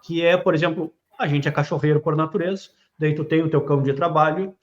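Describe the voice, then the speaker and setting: A man hosting a podcast, asking long questions with many hesitant pauses. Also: on the high side, fairly even intonation, lo-fi sound. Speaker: podcast host. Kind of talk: casual podcast interview.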